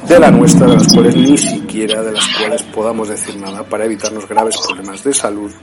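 Spanish man reading over loud music. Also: lowish voice, flat delivery, rough recording. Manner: measured, halting delivery with fillers and restarts. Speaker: author reading from his own book. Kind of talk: reading aloud with spoken asides. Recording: loud background music under the voice.

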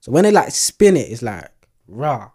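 Man, casual chat, laid-back, slangy fillers, mid-pitched voice. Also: very animated, normal speed, a little mellow, slightly rough.

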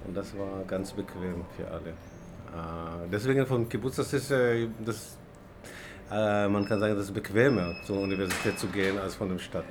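A man from Israel, not a native German speaker, talking in a café interview with many pauses and fillers. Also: deep voice, fairly even intonation, background noise. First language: Hebrew. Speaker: animation lecturer, guest. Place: small café indoors.

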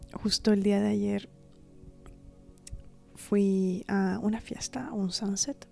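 A young woman talks into her podcast mic in a mellow, somewhat high voice with a gravelly fry at the ends of phrases. She speaks softly and intimately, often sinking to a breathy near-whisper. She repeats key words to reassure her listeners, and faint music plays underneath. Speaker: podcast host. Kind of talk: casual motivational podcast monologue.

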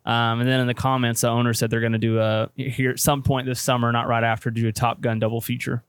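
Chatty, excitable man on a podcast. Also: mid-range voice, fast talker, clean tone, dry recording. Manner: enthusiastic, chatty, many fillers. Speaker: podcast co-host. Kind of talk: casual movie chat.

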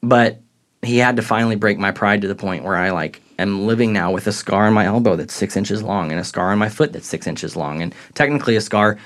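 A young man speaks in a somewhat low voice, sharing a personal faith testimony on a podcast. He talks in an earnest, reflective way, sometimes rising with excitement as he recalls moments. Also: fairly quick. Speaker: podcast guest. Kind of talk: faith testimony in casual conversation.

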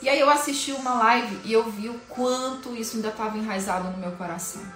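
A woman from Brazil with a Brazilian Portuguese accent, hosting a devotional live-stream talk for women in a candid, informal and emotionally expressive way. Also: on the high side, brisk, reverberant, soft background music.

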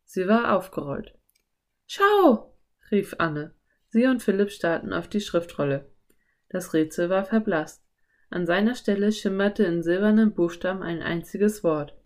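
A woman narrating a children's audiobook in a calm, even storytelling voice. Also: on the low side, moderate pace. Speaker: audiobook reader.

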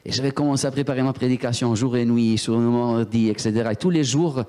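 Animated preacher man. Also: mid-range voice, fast, clean tone. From Italy. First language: Italian. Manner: animated storyteller, acts out voices, talks to the congregation. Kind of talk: sermon with personal testimony.

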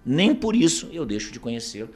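A man's voice: mid-range voice, very animated, a little fast, a little mellow, breathy edge, soft background music. A Brazilian man with a Paraná accent, an interview guest arguing his views emphatically and often asking rhetorical questions. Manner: emphatic, argumentative, keeps asking rhetorical "isn't it true?". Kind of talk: opinionated conversational commentary.

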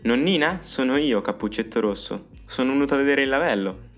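A man's voice: mid-range voice, expressive, a little fast, faint music behind, voice pushed up, close to an everyday voice. A man voicing an obedient little girl in a comic fairy-tale reading. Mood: eager.

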